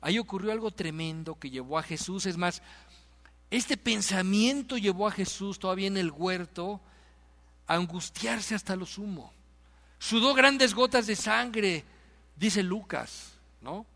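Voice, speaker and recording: High-pitched man preaching, emphatic, keeps repeating questions to the crowd, church hall with long reverb. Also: measured pace, pushed and bright. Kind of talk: sermon.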